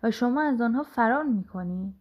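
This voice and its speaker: A woman's voice: on the high side, mellow, lightly acted. A woman voicing a blunt old village grandmother.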